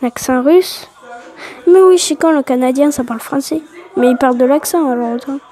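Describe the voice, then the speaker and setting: A woman's voice: high voice, fairly quick, dark tone. A woman hosting a casual gaming video, reading quiz questions aloud and answering them offhandedly, often half-whispering. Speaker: video host.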